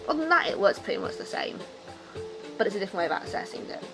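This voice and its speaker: A woman's voice: mid-range voice, very animated, very fast, over loud music. A drunk woman on a rambling, unscripted rant about her hobby, loose-tongued, opinionated and emphatic in an exasperated way. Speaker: video game commentator.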